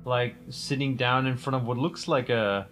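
A man running a tabletop game, narrating casually and haltingly as he searches for his words. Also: medium pitch, fairly bright tone, faint music behind. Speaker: game master.

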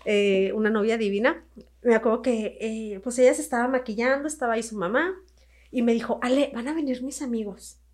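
Una mujer de voz aguda con acento mexicano, maquillista de novias invitada a un podcast. Cuenta sus anécdotas con mucha animación e imita las voces de las personas que cita, con un tono alto y vivo durante toda la charla. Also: female voice, on the high side, fairly quick. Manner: animated storyteller who acts out quoted voices. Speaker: bridal makeup artist, guest. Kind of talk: casual podcast chat.

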